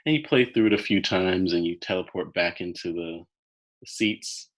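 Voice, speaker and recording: A man coaching listeners through a guided visualization, speaking slowly and soothingly, with soft trailing phrase ends. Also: low-pitched, rough recording.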